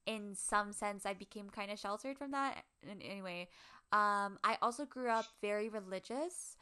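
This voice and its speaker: An American woman in her twenties from Hawaii, a podcast co-host telling personal stories casually in a halting, informal and self-effacing way. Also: medium pitch, sharp tone, smooth. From Hawaii, United States. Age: 20s.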